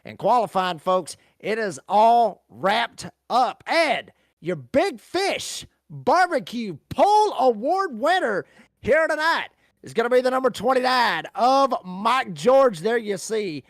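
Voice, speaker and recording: A man's voice: very high voice, big pitch swings, slow pace, dry recording, clean studio sound. A man calling a race as lead commentator, with folksy, announcer-like play-by-play.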